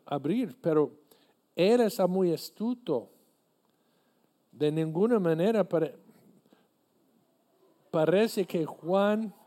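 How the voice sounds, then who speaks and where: Slow, mellow-voiced male preacher. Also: high voice. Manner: earnest, deliberate preaching with halting restarts. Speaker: pastor. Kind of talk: sermon.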